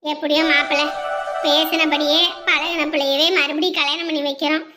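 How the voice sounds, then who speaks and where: Actress as a coaxing mother-in-law, very high and bright, soft music under her lines. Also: flat delivery, a little fast, lightly acted. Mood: pleading. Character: middle-aged mother-in-law pleading with son-in-law.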